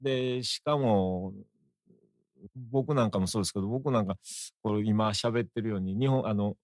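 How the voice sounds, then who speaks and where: Low-voiced Osaka-accented man, dry sound. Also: moderate pace, darkish tone, no room sound. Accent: Osaka Japanese. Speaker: guest. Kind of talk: conversational interview.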